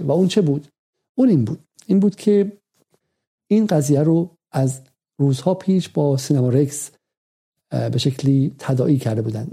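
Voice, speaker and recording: Bright-voiced man delivering argumentative commentary. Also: a little high, slightly rough. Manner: argumentative, repeats phrases for emphasis. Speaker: political commentary host. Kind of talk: analytical commentary monologue.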